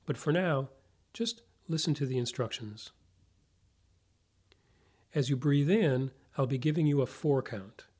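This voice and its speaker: A man leading a guided breathing meditation in a measured, instructional way, leaving long pauses. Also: fairly high pitch, darkish tone.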